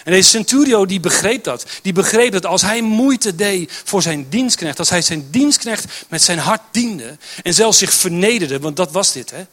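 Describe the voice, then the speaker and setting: A man's voice: high-pitched, expressive, moderate pace, hardly any pauses, fairly bright tone. A man preaching a sermon in church, pressing his points with emphatic, repeated phrases. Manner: builds to emphatic, repetitive exhortation.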